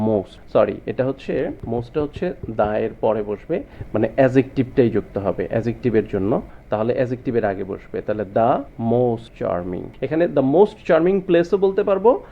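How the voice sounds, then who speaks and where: A man's voice: mid-range voice, lively intonation, normal speed. Man teaching grammar, muffled recording. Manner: addresses students with frequent rhetorical questions. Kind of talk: explanatory lesson.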